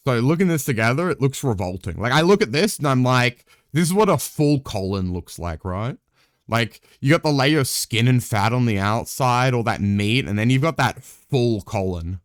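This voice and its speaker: A man's voice: medium pitch, lively intonation, normal speed, few pauses, no echo, studio quality. A young man live-streaming a game, chatting casually in a rambling way, swearing freely, with wry asides to his viewers.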